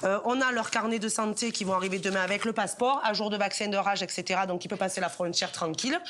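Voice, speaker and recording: A woman on the shelter staff, explaining things in a brisk, matter-of-fact way. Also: medium pitch, noisy background.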